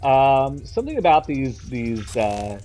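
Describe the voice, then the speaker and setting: A man hosting a Let's Play with casual, halting, reflective commentary. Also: medium pitch, sing-song, mellow.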